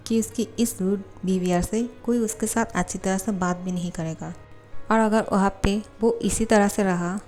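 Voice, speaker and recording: A woman's voice: mid-range voice, darkish tone, close to an everyday voice. A woman reading the part of a stern, lecturing father in a fan fiction voiceover. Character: stern middle-aged father.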